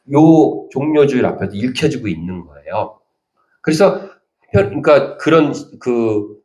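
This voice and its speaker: A man preaching a sermon as pastor, talking animatedly and acting out the lines he quotes. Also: medium pitch. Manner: animated, acts out quoted speech. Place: church sanctuary. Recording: echoey church hall.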